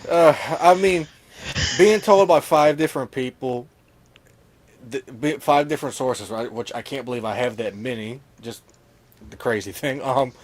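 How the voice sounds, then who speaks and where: A man co-hosting a casual sports talk stream, talking through picks with hedges and fillers. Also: mid-range voice. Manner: analytical, hedging, many fillers. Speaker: co-host.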